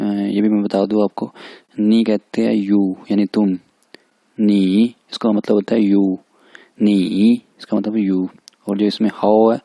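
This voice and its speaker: Guy teaching a lecture, says each word over and over, flat low voice, dry sound. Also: no echo. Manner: slow drilled repetition of words. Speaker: language teacher. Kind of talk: recorded lecture over slides.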